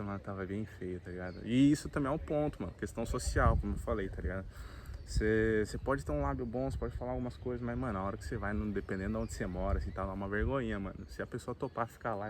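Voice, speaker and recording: A man in his late twenties with a Brazilian Portuguese accent, talking to the camera in a relaxed, slangy, reflective way. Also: lowish voice, a little hiss or hum. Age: late 20s. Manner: laid-back slangy talk, frequent filler tags. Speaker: vlogger. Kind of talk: casual reflective monologue. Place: outdoors at a campsite.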